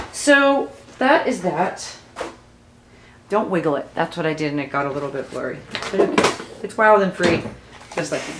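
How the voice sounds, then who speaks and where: A woman talking casually through a craft tutorial as she works, rambling and thinking aloud, with a low early-morning voice. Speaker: mixed-media craft tutorial host. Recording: echoey room, faint background noise.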